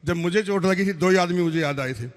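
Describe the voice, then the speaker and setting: A man's voice: high-pitched, quick pace. A veteran soldier giving an earnest, blunt talk to an audience, telling his own story. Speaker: army veteran speaker. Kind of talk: speech to an audience. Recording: reverberant hall.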